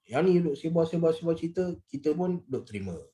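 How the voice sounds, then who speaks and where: A man's voice: on the high side, animated, fast talker, warm tone. A man teaching a Quran study lesson in a conversational way, often saying "okey" and "ha" and acting out tones of voice. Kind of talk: religious lecture.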